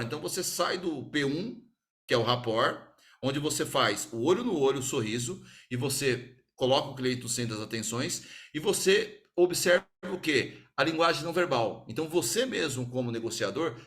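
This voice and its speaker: A man with a Brazilian Portuguese accent giving an energetic sales talk to a small group, acting out little customer dialogues as he explains. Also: mid-range voice, a little fast. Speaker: sales speaker.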